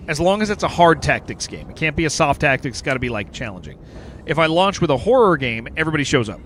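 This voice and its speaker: A man's voice: a little high, sing-song, fast, a bit bright, slight background noise. A man streaming a video game live, chatting casually and rambling with lots of fillers. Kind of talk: casual live-stream commentary while gaming.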